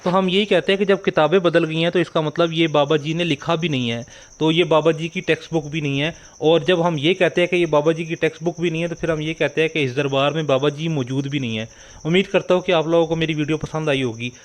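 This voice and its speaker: A man's voice: fairly high pitch, fairly even intonation, fast talker. A man hosting a religious video channel, speaking directly to viewers and posing rhetorical questions. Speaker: channel host. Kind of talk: video introduction and commentary.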